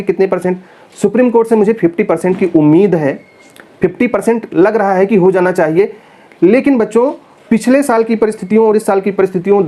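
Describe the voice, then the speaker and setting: A man's voice: high voice, mellow. A man who is a teacher, talking straight to his students in a casual, earnest and persuasive way, often calling them children. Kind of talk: casual direct-to-camera talk to students.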